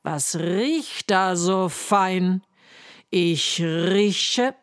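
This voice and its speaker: Brief: woman doing slow, loud, greedy storybook giant. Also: on the low side, no echo, studio quality. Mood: gruff. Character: huge hungry male giant, gruff, greedy.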